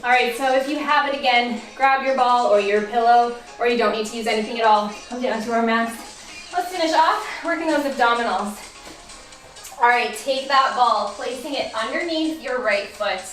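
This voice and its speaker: A woman's voice: on the high side, moderate pace, a bit bright, distant mic. A woman instructor cueing a barre workout, counting reps and encouraging, her voice a bit worn. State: losing her voice. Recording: roomy, from off mic, faint music.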